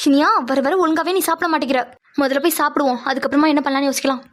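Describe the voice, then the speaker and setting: A woman's voice: high voice, fairly even intonation, racing, close to an everyday voice. A woman doing a caring cartoon aunt. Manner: caring, insistent. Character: kindly caring aunt, middle-aged.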